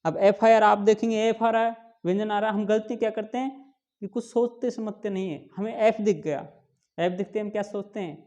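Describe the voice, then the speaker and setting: Mellow-voiced man teaching a grammar lesson. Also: high voice, fairly even intonation, muffled recording. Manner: asks questions and answers them himself, emphatic; drawn-out slow pronunciation of examples. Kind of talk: classroom lesson explaining English grammar.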